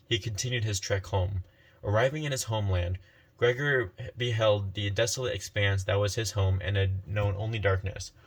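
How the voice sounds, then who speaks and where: A man narrating a fantasy story as a storyteller, reading unhurriedly and often correcting himself. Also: lowish voice.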